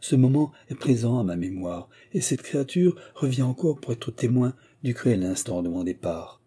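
A man's voice: medium pitch, lively intonation, normal speed, dark tone, breathy edge. A man voicing an ardent, lovesick young man in an audiobook, pleading with passion.

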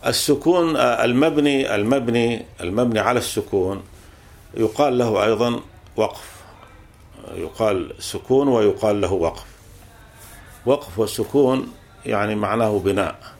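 A man's voice: on the low side, normal speed, gravelly. A man teaching a classical grammar text, explaining patiently and repeating points with fillers.

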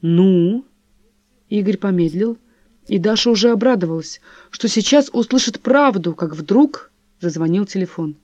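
A woman narrating a novel in an even, measured reading. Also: mid-range voice, no echo, highs cut off. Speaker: audiobook narrator. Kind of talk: scripted narration.

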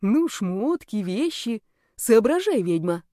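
A woman's voice: fairly high pitch, sing-song, takes it slowly, mellow, dry recording, studio quality. A woman voicing a cheeky young male naga student who teases with slang. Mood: teasing. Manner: teasing, slangy, brash.

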